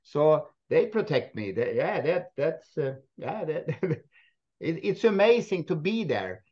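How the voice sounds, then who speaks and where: A Swedish man who owns a moose park, speaking halting, non-native English with many restarts and frequent laughs in a casual interview. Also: fairly high pitch, very animated, muffled recording. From Sweden. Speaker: moose park owner, guest.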